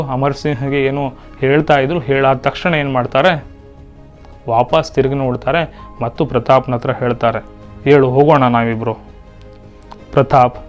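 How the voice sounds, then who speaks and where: Male Hindi teacher explaining. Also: medium pitch. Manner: reads Hindi lines, then explains them in Kannada. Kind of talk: lesson explaining a Hindi play in Kannada.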